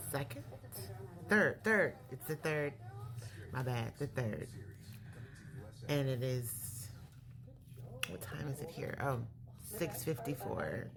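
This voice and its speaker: A woman in her late forties from California, candidly telling her life story in a casual vlog, pausing and correcting herself as she goes. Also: very deep voice. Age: 40s. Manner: reflective, candid, self-correcting. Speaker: vlogger.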